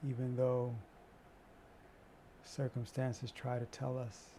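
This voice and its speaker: A man leading a qigong energy meditation and prayer as an instructor, with an unhurried, encouraging, spiritual way of talking. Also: mid-range voice, completely flat delivery, warm tone, slight background noise.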